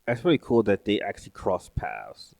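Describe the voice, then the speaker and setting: A man's voice: fairly low pitch, huge pitch swings, normal speed, vocal fry, a little mellow, no room sound. A man hosting a reaction video, talking casually and hesitantly, often repeating himself.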